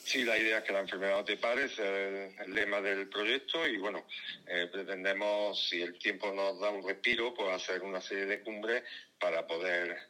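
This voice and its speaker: Very bright-toned male mountaineer. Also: deep voice, steady tone, moderate pace. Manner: hesitant, many restarts and fillers. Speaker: mountaineer on expedition. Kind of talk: phone-in interview.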